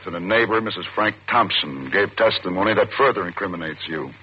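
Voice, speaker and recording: In an old-time radio suspense drama, a male actor plays a stern, forceful American deputy district attorney, commanding, clipped and formal. His voice is on the low side with a breathy edge. The old radio recording is muffled and noisy.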